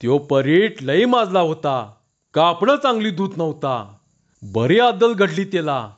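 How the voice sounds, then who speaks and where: A man voicing a rough, hot-headed young village man who talks in gruff, coarse rustic speech, on a dull lo-fi recording. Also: a little high, big pitch swings, unhurried. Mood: sullen.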